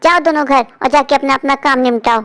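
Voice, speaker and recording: A woman voicing a domineering older mother-in-law in a cartoon story, scolding and sharp-tongued. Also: sits high, fairly quick.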